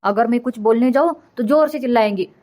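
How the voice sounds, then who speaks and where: A woman's voice: fairly high pitch, fast talker, warm tone, lightly acted. A woman voicing a nagging older village mother-in-law in a comic cartoon, rambling and scolding as she complains. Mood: complaining.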